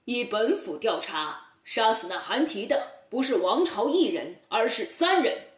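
A stern, upright old judge, as a woman storyteller puts him on, firm and commanding in a children's storybook telling. The voice moves with lively rises and falls, unhurried, and sounds roomy and a little off-mic. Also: high-pitched, far from the mic.

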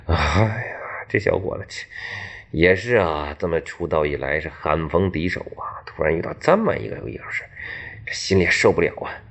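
A man tells a tale in an animated oral storytelling style, full of exclamations and spoken sound effects. His voice is very low and gravelly, and his pitch moves lively up and down. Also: moderate pace.

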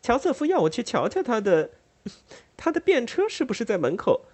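A man reading an audiobook, voicing a sweet, naive young woman in a high, quick, gentle voice. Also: wildly swooping pitch, exaggerated voice. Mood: innocent.

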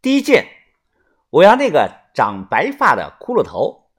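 A man voicing a cold, scheming woman who speaks in a calm, measured, sneering way, in a storytelling audiobook. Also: mid-range voice, husky, heavily acted.

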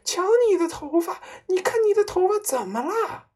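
A woman's voice: very high voice, animated, normal speed, a little mellow, voice pushed up. A woman doing a shrieking hysterical housewife. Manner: shrieking, scolding. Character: shrill hysterical middle-aged housewife.

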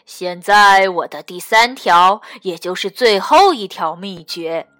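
Woman putting on a kindly old grandpa toad, storybook, slow patient lecturing, bright tone. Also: mid-range voice, animated, no room sound, clean studio sound, pitched below the performer's own voice. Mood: wise, patient.

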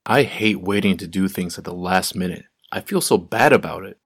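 A man reading one part of a scripted English practice dialogue in an even, plain way. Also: deep voice, moderate pace, slightly rough, no echo, studio quality. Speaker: dialogue speaker in a learning clip.

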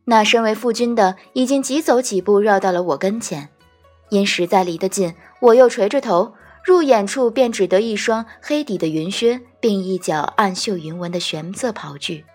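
A woman narrating a first-person fantasy audiobook, gentle and wry. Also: medium pitch, moderate pace, soft background music. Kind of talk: scripted storytelling narration.

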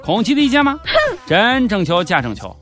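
Animated, sardonic man with a Shaanxi accent. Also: sits high, a little fast. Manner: sardonic, mock-serious. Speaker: host of a satirical news commentary show. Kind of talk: comedic scripted news commentary. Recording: background music under the voice. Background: music.

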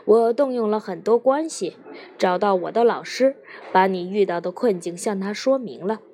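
A woman voicing a busy male psychologist on the phone in an audiobook, calm, brisk and reassuring. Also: high voice, a little hiss or hum.

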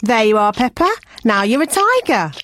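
A woman voicing a brisk, cheerful cartoon rabbit lady who paints faces. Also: on the high side, sing-song, background noise. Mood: chirpy.

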